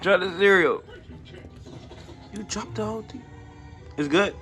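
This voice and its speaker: A man chatting and teasing friends in slangy, animated vlog talk. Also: high voice, unhurried, soft background music. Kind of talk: casual vlog chat.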